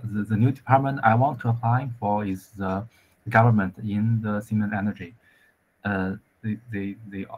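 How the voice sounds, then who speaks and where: A man from China, an engineer talking over a video call, with many pauses, fillers and restarts. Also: on the low side, narrow, tinny audio. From central China. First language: Chinese. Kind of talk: casual conversation practice.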